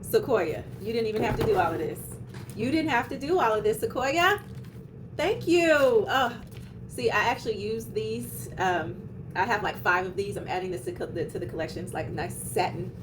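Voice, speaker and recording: A woman's voice: mid-range voice, brisk. A woman, talking effusively and casually to viewers as a notary vlogger. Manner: chatty and effusive, talks straight to viewers. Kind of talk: casual vlog talk to camera. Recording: noisy background.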